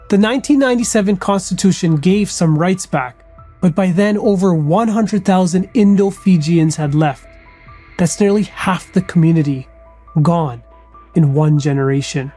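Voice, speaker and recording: A woman reading scripted documentary narration in a measured, solemn manner. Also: on the low side, warm tone.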